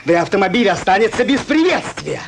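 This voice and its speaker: An actor playing a sly, cheeky village rogue with a self-assured, bantering way of arguing in a comedy-drama film. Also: male voice, high voice, sing-song, fast talker, gravelly, slight background noise, full character voice. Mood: sly, defiant.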